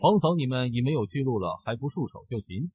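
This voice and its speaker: A man's voice: mid-range voice, animated, fast, a little mellow, breathy edge, no room sound, pitched below the performer's own voice, rough recording. A man voicing a scheming, villainous uncle who usurped the snake clan's throne, in a sneering, contemptuous manner.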